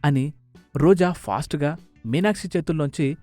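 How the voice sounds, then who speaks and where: A man narrating a scripted story, expressive and animated. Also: on the high side, normal speed, no room sound, soft background music.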